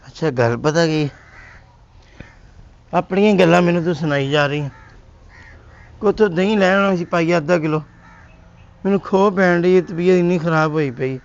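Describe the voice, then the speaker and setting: A man's voice: a little high, moderate pace, gravelly, pauses often, clean tone. A man with a Punjabi accent acting a whiny husband who keeps complaining he is sick, in a comedy sketch. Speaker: comic actor as a lazy husband. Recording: dull lo-fi sound.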